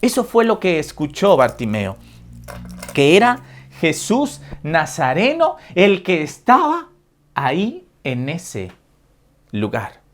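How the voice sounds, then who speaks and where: A woman's voice: low-pitched, huge pitch swings, slow pace. A woman preacher giving a sermon, retelling a Bible story and asking her listeners rhetorical questions. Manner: addresses listeners as brothers and sisters with rhetorical questions.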